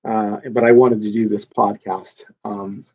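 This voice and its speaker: Unhurried and level, a podcast host's lowish, slightly mellow voice comes through on dull audio. His casual solo monologue is off the cuff, emphatic and meandering, with many fillers and restarts, and his cold leaves him a touch nasal and congested.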